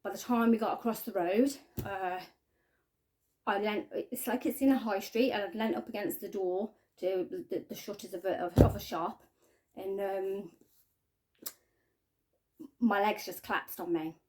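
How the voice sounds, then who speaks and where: A woman tells her own story straight to camera in a mellow, warm voice. She speaks haltingly and earnestly, often trailing off into quiet restarts. Her pitch sits in an ordinary middle range for a woman. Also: fairly even intonation. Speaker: spiking victim sharing her story. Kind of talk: personal testimony to camera.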